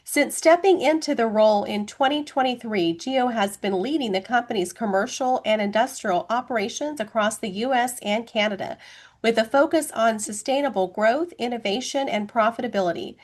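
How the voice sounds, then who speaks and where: A woman's voice: a little high, moderate pace. A woman hosting an interview podcast in an upbeat, enthusiastic way. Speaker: podcast host.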